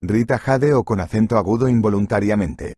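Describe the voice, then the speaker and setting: A man narrating a scripted story in an even, steady reading voice. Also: on the low side, brisk, no echo, studio quality.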